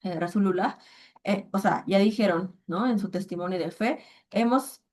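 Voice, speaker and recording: A woman's voice: medium pitch, moderate pace, darkish tone. A woman teaching a casual online lesson on the Quran and Arabic, thinking aloud and often checking in with her listeners.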